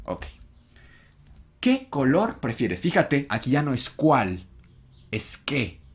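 A man teaching an online English lesson, slowly repeating example sentences and cheering the learner on. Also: medium pitch, very animated, husky.

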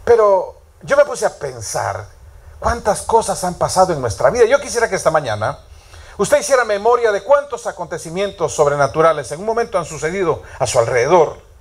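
A man's voice: high-pitched, sing-song, fairly quick, slightly rough. A man preaching a sermon in a storytelling way, often asking the congregation questions. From Latin America.

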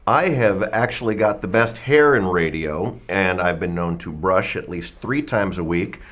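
A radio DJ in his fifties making absurd boasts with a deadpan delivery in a mock debate. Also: low-pitched, normal speed, muffled recording. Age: 50s.

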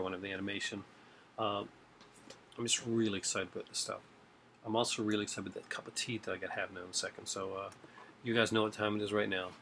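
In a room at home surrounded by shelves of discs, a forty-something collector talks casually into his desk webcam about his collection, wandering through his thoughts with plenty of fillers and restarts. His voice is lowish and a bit bright, with slight background noise.

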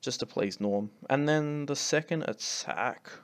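A man's voice: mid-range voice, measured pace. A man giving casual commentary over his own game replays, exasperated and ranting, swearing freely as his attacks fail. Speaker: clan leader and channel host.

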